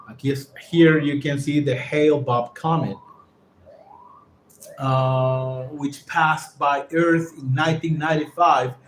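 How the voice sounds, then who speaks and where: A man whose first language is Spanish reads an English text aloud for a lesson, stopping to define words and repeat their pronunciations. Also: fairly high pitch. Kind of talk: reading a text aloud and explaining vocabulary. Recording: echoey room with faint ambient noise.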